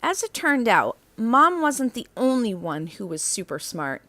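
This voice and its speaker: The recording has no room sound as a woman with a higher voice narrates a children's picture book at a measured pace. She reads emphatically, stretching out the important words.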